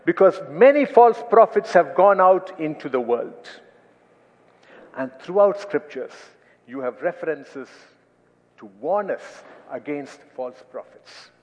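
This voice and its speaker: A dull recording with long hall reverb carries a man's sermon. He speaks with an Indian accent in a high voice. His delivery is emphatic, returning to key phrases and slowing on them for weight. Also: lively intonation. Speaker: preacher.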